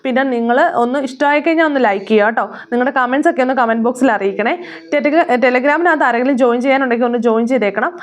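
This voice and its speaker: A woman's voice: sits high, fast. A woman teaching exam material in a casual way, asking questions and answering them herself, repeating each answer several times with frequent fillers. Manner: repeats answers, asks and answers her own questions, many fillers. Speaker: exam-prep tutor.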